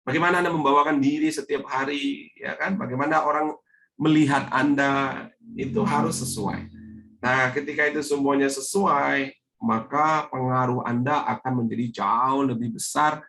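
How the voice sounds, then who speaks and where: Bright-voiced male speaking coach. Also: mid-range voice, normal speed, creaky, rough recording. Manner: lively, coaxing, with frequent rhetorical questions. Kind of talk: online webinar teaching.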